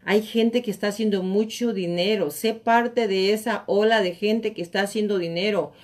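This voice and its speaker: A woman's voice: mid-range voice, moderate pace. A woman hosting a live real estate talk show. She gives a motivational pep talk, tells anecdotes and acts out what her friends said, then coaxes her viewers to respond. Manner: animated storytelling, acts out friends' quotes, coaxing viewers.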